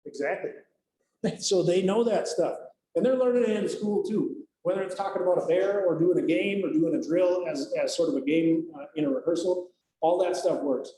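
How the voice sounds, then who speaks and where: Speaking at a moderate pace in a high, warm voice, a middle-aged man who trains police chats casually through a safety talk for coworkers gathered in a big workplace room, often tossing in "right?". The space is very echoey and some faint noise comes through.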